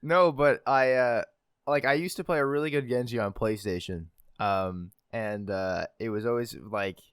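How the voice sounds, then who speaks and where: A podcast co-host chats casually, rambling with plenty of fillers and laughing at himself. His mid-range voice is fairly bright, clear and resonant at a normal speed, recorded dry with studio quality.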